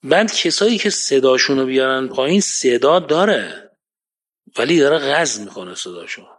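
A man giving a religious lecture, quoting Arabic verses, who rises to emphatic points and then drops his voice low. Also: expressive, a bit bright. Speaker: preacher.

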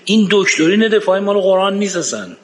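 A man's voice: high voice, expressive. A man giving an emphatic, argumentative lecture and reciting verses from the Quran. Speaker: speaker giving a religious-political talk. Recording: long hall reverb.

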